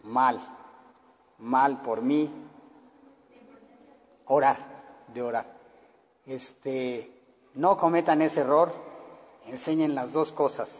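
With a mid-range voice and a long reverb tail, a middle-aged Mexican-accented man delivers an earnest sermon aimed at parents. He uses plenty of filler words.

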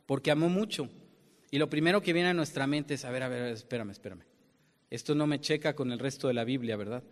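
A man with a fairly high voice preaches a sermon in a large hall, where a long reverb hangs on his words. He keeps turning to his listeners with questions and explains things with plain everyday examples.

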